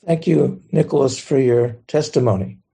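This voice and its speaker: A man, a Zen teacher, giving a gentle, thoughtful dharma talk and taking questions. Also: mid-range voice, moderate pace, creaky, breathy edge.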